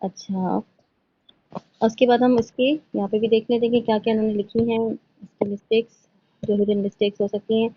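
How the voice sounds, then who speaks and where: A woman with a slightly high voice and flat delivery teaches tajweed in an online Quran recitation lesson, patiently going step by step and mixing in English. The audio lacks high frequencies and has a little hiss or hum.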